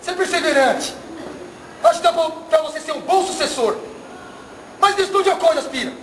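An actor on a church stage playing a stern military commander who drills and mocks a cadet, barking orders. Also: male voice, extremely high pitch, brisk. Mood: commanding. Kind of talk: live church stage comedy acting. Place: church theater stage with live audience. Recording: echoey hall, audience noise.

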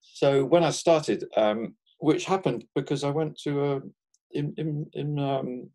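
Speaking as an interview guest, this English market gardener in his sixties keeps things easy and conversational. There's a soft laugh between his thoughts, his sentences often begin again, and his voice is warm and mellow at a medium pitch.

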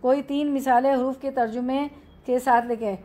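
A woman's voice: sits high, fairly even intonation, moderate pace, mellow. A woman with an Urdu accent teaching a classroom grammar lesson, explaining step by step and answering her own questions.

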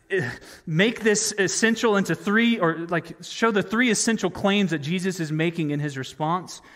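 High-voiced pastor preaching in a reverberant church. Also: male voice, a bit bright. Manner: conversational, asks the congregation questions. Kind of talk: sermon.

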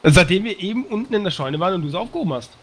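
Playful man with a lively voice. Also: high voice, very fast. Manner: playful, teasing. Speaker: co-player. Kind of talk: casual gaming chat.

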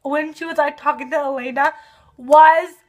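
A woman doing a casual video review of a TV episode, gushing and excitable, with lots of fillers. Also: high voice, moderate pace.

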